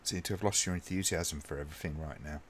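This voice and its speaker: A man with a deep, low voice hosts a laid-back watch-along stream. He chats loosely with his viewers, wandering between thoughts and filling pauses with ums and uhs. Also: slight background noise. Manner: relaxed, rambling, many ums, talks to chat by name. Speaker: live stream host. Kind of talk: casual watch-along chat.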